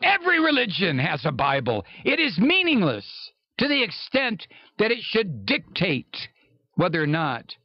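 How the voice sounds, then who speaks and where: A man's voice: high voice, wildly swooping pitch, a little slow, muffled recording. An American man on an impassioned, sarcastic political rant, speaking as a commentator with exasperated, mocking emphasis.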